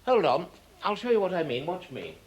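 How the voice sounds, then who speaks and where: A fussy stage director, barking orders at his cast and swooping wildly up and down in pitch. His voice sits fairly high for a man, and he runs between impatience and theatrical flourish. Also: big pitch swings, brisk, a little hiss or hum. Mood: bossy, excitable. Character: fussy, excitable stage director running a rehearsal. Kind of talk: 1970s televised stage drama.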